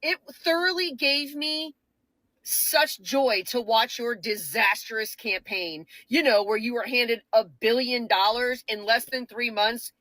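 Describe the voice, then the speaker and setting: A woman's voice: fairly high pitch, slow pace, bright, forceful tone, no echo. A woman ranting straight to camera in a mocking, sarcastic tone, dragging out words for emphasis. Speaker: social media commentator. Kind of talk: direct-to-camera rant.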